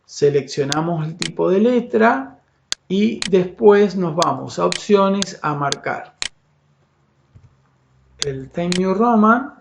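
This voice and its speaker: A man teaching a software lesson over a screen recording, patient and explanatory, often checking in with his students and pausing on "eh". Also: sits high, expressive, creaky. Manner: patient, explanatory, frequent "¿sí?" and "fíjense" check-ins; filler "eh" and "este" between phrases. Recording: dull lo-fi audio with faint hiss.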